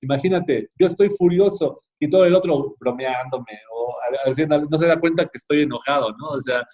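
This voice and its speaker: A man with a Mexican accent teaching a church class in a relaxed, conversational way, often checking in with his listeners. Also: fairly high pitch, normal speed, muffled recording, crowd noise. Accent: Mexican Spanish. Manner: conversational, frequent tag questions, addresses the class directly.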